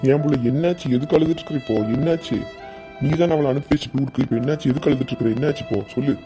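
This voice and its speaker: A man's voice: mid-range voice, racing, over music, natural voice. A man voicing an anxious father whose daughter has gone missing, in a cartoon. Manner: anxious, pleading, repeated questions. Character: worried father of a missing teenage girl. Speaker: cartoon voice actor.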